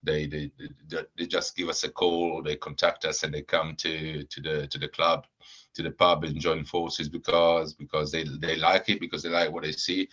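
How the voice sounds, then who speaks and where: Low-voiced man with many fillers, lo-fi. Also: flat delivery, moderate pace, a bit bright. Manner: hesitant, many fillers and repeated words. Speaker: supporters club founder, guest. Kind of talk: casual podcast chat. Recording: dull lo-fi audio.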